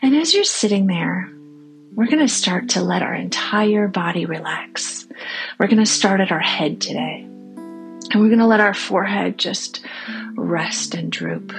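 A woman hosting a guided meditation for families and children, speaking gently and reassuringly to listeners, sometimes softening toward a breathy near-whisper. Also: medium pitch, expressive, a little slow, faint music behind, low-quality recording.

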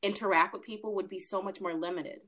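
A woman's voice: mid-range voice, fairly even intonation, fast talker, a bit bright. A woman hosting a casual interview in an informal, chatty, conversational way. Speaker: interviewer, host.

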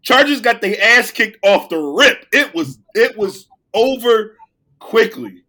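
Male podcast co-host with a sick, cracking voice; bright, high-ish tone, loud when excited. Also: takes it slowly. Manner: playful, boastful, gets loud when excited. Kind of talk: casual sports chat.

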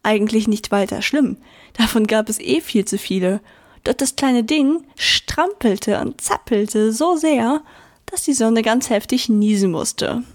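A woman reading a children's story aloud in a soft, gentle manner, now and then speaking directly to the listener. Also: on the high side, animated, unhurried.

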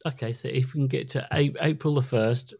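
A man's voice: mid-range voice, fairly even intonation, a little fast, gravelly, darkish tone, slightly rough, dry recording, studio quality. A middle-aged man co-hosting a podcast in casual chat, easygoing and chatty. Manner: chatty, easygoing, with stumbles and restarts. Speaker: podcast co-host.

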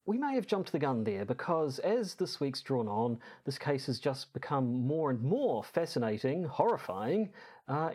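A podcast co-host with a medium-pitched, slightly mellow, husky voice joins a casual discussion. His delivery is hesitant and rambling, and he often repeats words.

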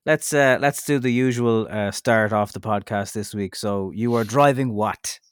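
A man's voice: lowish voice, a little slow, clear, resonant tone, no room sound, clean studio sound. An Irish man co-hosting a motoring podcast in easygoing casual chat, steering things along with a practised radio manner. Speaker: podcast co-host, motoring journalist.

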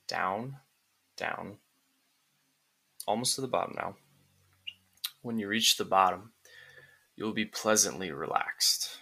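A man narrating a guided relaxation script like a sleep story, in calm, soothing, deliberate phrases with pauses. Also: on the low side, vocal fry.

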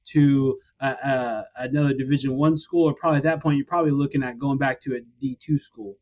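A man's voice: medium pitch, fairly even intonation, brisk, a little mellow, muffled recording. A man hosting a sports podcast, giving his opinions and walking through examples step by step in a casual chat. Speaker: podcast host.

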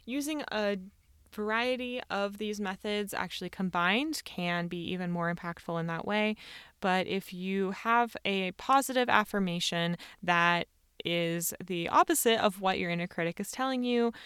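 A woman's voice: medium pitch, moderate pace, a bit bright, clean tone, no echo, studio quality. A woman giving informal motivational advice as a podcast host, talking in a conversational, emphatic way with plenty of "like" and "really", recorded in a small closet.

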